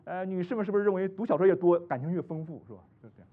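A man from China preaching a sermon, full of rhetorical questions, swinging between loud exclamations and hushed asides. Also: high-pitched, rapid-fire. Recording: tinny phone-like recording.

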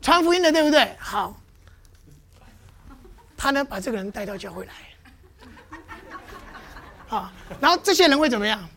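High-voiced woman quizzing her congregation. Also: moderate pace, pauses often, slight background noise. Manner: constantly quizzes the audience with questions; lively, with playful demonstrations. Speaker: church teacher. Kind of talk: interactive church teaching.

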